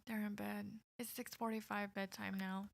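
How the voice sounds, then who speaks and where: A woman's voice: medium pitch, flat delivery, normal speed, creaky. A woman co-hosting a podcast and chatting casually and jokingly as a mother about her kids. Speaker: podcast co-host. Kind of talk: casual chat.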